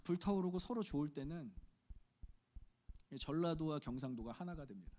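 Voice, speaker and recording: Animated Korean pastor preaching. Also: male voice, on the high side, normal speed, a little hiss or hum. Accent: Chungcheong Korean. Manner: animated preaching, acts out quoted voices, rhetorical questions to congregation. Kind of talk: sermon.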